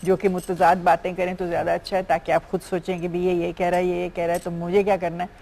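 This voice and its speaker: A woman's voice: fairly low pitch, little pitch movement, gravelly, slight background noise, rough recording. A woman in her seventies with a Pakistani Urdu accent, a guest speaking thoughtfully and measuredly about teaching art. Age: 70s. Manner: thoughtful, measured, with soft fillers. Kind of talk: TV talk show interview.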